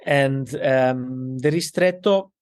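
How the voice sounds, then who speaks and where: A man with an Italian accent, a tailor raised in Belgium, speaking haltingly in a casual interview as the guest. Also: medium pitch, darkish tone, clean tone. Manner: halting, repeats words.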